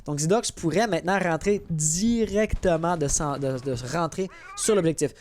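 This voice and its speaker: A young man casting an esports match with play-by-play commentary, excitable and rising sharply at big plays. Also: a little high, normal speed. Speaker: esports caster.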